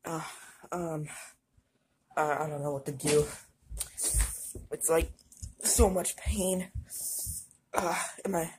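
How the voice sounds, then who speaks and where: A woman vlogging casually while in burning pain from a hot pepper, stammering and halting with many fillers. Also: low voice, a little mellow, slight background noise. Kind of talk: casual vlog.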